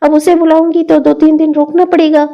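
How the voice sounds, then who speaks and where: A woman voicing a quick-tempered middle-aged cartoon mother who argues with her own mother. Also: high-pitched, level tone, gravelly, highs cut off. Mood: defensive. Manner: indignant, arguing. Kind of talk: cartoon dialogue acting.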